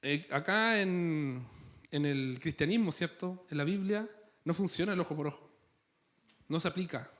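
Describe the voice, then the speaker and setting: High-voiced Chilean pastor preaching. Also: male voice, normal speed, a bit bright. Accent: Chilean Spanish. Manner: conversational preaching with playful asides and rhetorical "¿cierto?". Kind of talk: sermon. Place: church.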